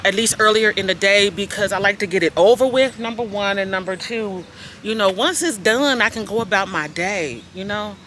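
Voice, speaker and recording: A woman in her fifties with a very bright, sharp tone, chatting loosely to her viewers with plenty of fillers. She films herself on a phone outdoors at a park, with a faint hiss of noise underneath. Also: medium pitch. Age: 50s. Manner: chatty, talks straight to viewers, many fillers. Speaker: vlogger. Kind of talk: casual self-filmed vlog chat. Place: outdoors at a park and in a parked car.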